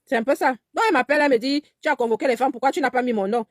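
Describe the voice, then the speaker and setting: Talking very fast in a voice that sits high, a woman vents angrily to her audience in a personal video, insisting, repeating herself, and at moments putting on another woman's pleading tone. The recording is clean studio audio with no echo.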